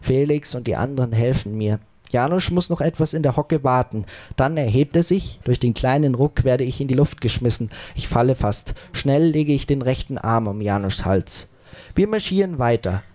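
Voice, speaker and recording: A man reads a first-person audiobook aloud in a calm, measured way. His voice sits in an ordinary middle pitch. He moves through the story in short phrases with small pauses between them. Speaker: audiobook narrator.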